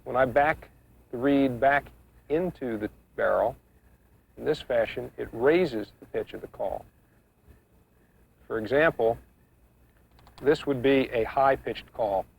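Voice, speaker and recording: A man giving an instructional demonstration, explaining each step in a measured, practical way. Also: medium pitch, gravelly, breathy edge. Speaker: duck calling instructor. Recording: muffled, dull 1990s instructional video sound.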